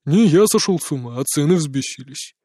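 A man's voice: a little high, expressive, a little fast, mellow, no room sound, studio quality. A man reading an audiobook voices a blunt male technician from the crew, plain and matter-of-fact. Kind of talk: audiobook character voice.

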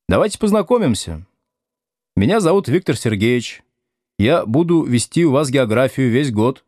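A stern young schoolteacher, as the male reader puts him on, giving curt orders to an unruly class. His speech rises and falls with lively intonation. The sound is close and dry. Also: mid-range voice, moderate pace, dry recording. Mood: calm greeting. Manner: curt, commanding.

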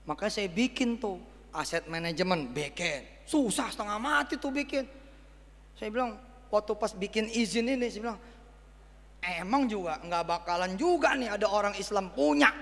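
A man preaching in a high, gravelly voice with a bright, sharp edge. He swings between loud bursts and low, quiet asides. The sound carries a long hall reverb. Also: animated, normal speed. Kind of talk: sermon.

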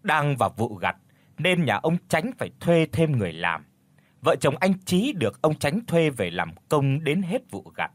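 A man narrating a village horror story in a lively, gossipy way. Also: on the high side, moderate pace, no echo.

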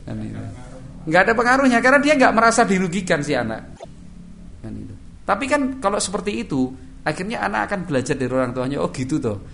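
A man's voice: high voice, very animated, fast, creaky, a bit bright, slight background noise. A middle-aged man with a Javanese accent giving a religious study lecture in a casual, conversational way. He acts out everyday dialogue and keeps coming back to a small verbal tic. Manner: conversational, acts out quoted dialogue in shifted voices; repeats "kan itu" as a verbal tic. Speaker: preacher.

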